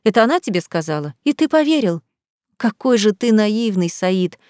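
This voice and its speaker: Woman doing a spoiled young bride, shrill and defensive, mid-pitched, dry close audiobook sound. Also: sing-song, normal speed, darkish tone, no echo, natural voice. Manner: shrill outbursts, lying, pleading.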